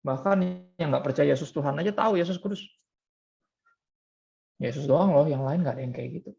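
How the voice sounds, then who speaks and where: Pastor guy giving a chatty sermon, gravelly low-key voice, kinda dull lo-fi recording. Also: a little fast, darkish tone. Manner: conversational preaching with frequent rhetorical questions.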